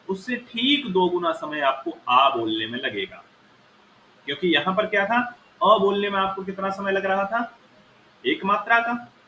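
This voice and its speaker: A fairly high, bright male voice patiently walks through a grammar lesson, sounding out each vowel so the listener can hear it. The room rings with a noticeable echo. A faint hiss sits under the voice. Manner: patient, explains step by step and demonstrates sounds aloud. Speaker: Sanskrit teacher. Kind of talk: explaining Sanskrit grammar lesson. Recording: echoey room with faint noise.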